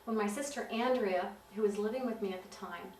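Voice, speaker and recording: Woman telling her story on camera, earnest and halting, echoey room, mic kinda far off. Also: mid-range voice, a little mellow. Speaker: witness giving filmed testimony. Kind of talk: personal testimony. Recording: roomy, distant mic with faint hiss.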